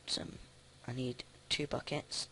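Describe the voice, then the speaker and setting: A man casually commenting on his own gameplay, thinking aloud with many halting restarts. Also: pushed and bright, a little hiss or hum. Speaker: let's play host.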